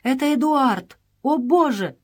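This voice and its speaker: A woman's voice: fairly high pitch, expressive, moderate pace. A woman reading an audiobook voices a frightened young girl who pleads and cries out. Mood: terrified. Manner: pleading, crying out in terror.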